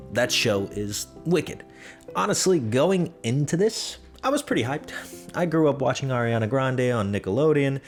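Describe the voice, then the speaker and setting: A young man hosting his own channel, chatting casually and gushing with enthusiasm. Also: mid-range voice. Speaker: channel host. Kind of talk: casual movie review vlog.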